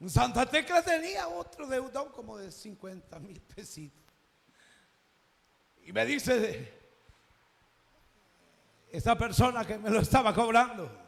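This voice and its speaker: Preaching in a large hall, a high-voiced Salvadoran man with vocal fry recounts a personal story, voicing its dialogues and breaking into a shout now and then.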